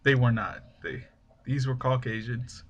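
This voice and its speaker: A young man hosting a casual podcast, telling stories in an animated way and acting out the quotes. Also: medium pitch, unhurried, highs cut off. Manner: storytelling, animated, acts out quotes. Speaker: podcast host.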